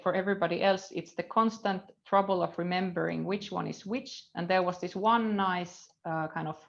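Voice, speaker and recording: A lowish, gravel-edged voice belongs to a Finnish-accented university lecturer presenting a live coding screencast from her indoor computer. Hesitant fillers and trailing phrases mark her speech as she thinks through the code she reads. The audio has a dull, lo-fi, webcam-mic quality.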